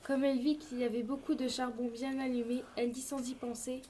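High-voiced woman telling a fairy tale. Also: level tone, brisk, dark tone, slight background noise. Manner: addresses young listeners. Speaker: storyteller. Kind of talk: reading a fairy tale aloud.

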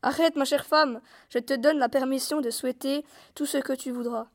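A woman's voice: high voice, steady tone, normal speed. Woman reading a poor fretful husband. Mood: pleading. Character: poor husband, sensible and quick-tempered. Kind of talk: storybook reading in parts.

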